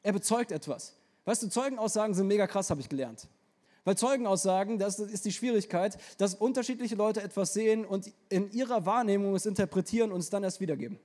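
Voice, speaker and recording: A young man delivers a lively sermon. His voice sits high for a man, and he talks in a casual, slangy way. He speaks straight to the people in front of him. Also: fast. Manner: casual youthful slang, energetic, addresses the audience directly. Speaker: preacher.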